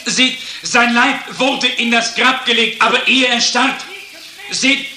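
A man preaching a sermon, telling a story and then addressing the congregation in a slow, measured way. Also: extremely high pitch, level tone, pushed and bright, roomy sound, low-quality recording.

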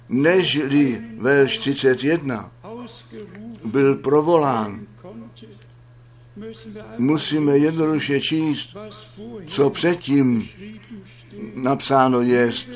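A man delivers a sermon in an unhurried, measured way. He reads scripture with a solemn weight and then explains it plainly. His voice sits in the middle range. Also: medium pitch. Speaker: preacher.

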